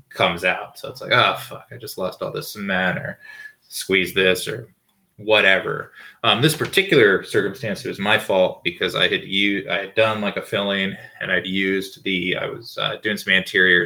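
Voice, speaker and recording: A man's voice: sits low, gravelly, bright, forceful tone. A man, a dentist hosting his own podcast, telling work stories in a rambling, profane, dry way. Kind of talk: casual solo podcast chat.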